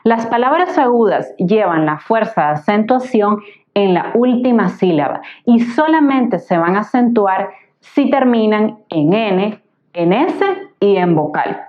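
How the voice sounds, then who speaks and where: A woman tutor giving a patient, explanatory grammar lesson, slowly sounding out words syllable by syllable. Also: medium pitch, lively intonation. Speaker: Spanish tutor. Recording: slightly dull lo-fi recording.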